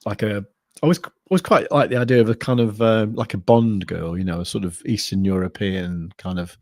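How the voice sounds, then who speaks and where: A man's voice: lowish voice, a little fast, darkish tone, no room sound. A man hosting a crypto live stream, chatting casually and rambling with lots of fillers and restarts. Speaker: crypto livestream host.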